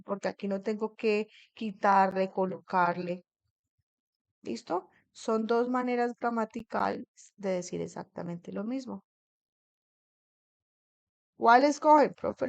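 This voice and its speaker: A woman's voice: medium pitch, vocal fry, no echo. A woman teaching an English grammar lesson in a classroom. She keeps checking in with her students and asks them questions.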